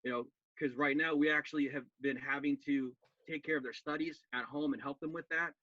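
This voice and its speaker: A comedian playing a cheerful, earnest male hobbit gardener with a gravelly voice, chatting as if over a video call. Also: a little high, fairly even intonation, a little fast, pushed and bright, dry recording. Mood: chatty. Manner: earnest, folksy, talking to a friend on a video call. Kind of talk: cosplay stand-up character bit. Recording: dull lo-fi dry sound.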